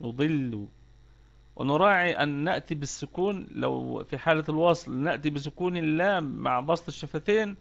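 A man's voice: fairly high pitch, fast, creaky, fairly bright tone, lo-fi sound. A man with an Egyptian accent teaching Quran recitation rules in an online lesson, explaining step by step and repeating key words.

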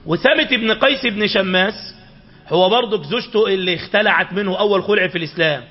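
A man preaching in an Egyptian accent, his high voice racing through stories as he keeps firing questions at the audience. The recording is dull and lo-fi. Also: quick pace, slightly rough. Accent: Egyptian Arabic. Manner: storytelling with rhetorical questions to listeners. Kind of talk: religious lesson.

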